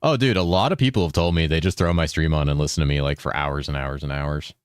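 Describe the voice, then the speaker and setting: Talking quickly and smoothly, the young streamer games and chats casually with his audience, swearing freely, rambling, and reading chat out loud in a relaxed way. His voice is very low, though he keeps it slightly higher than his natural depth. The recording is dry and close, with barely any room sound.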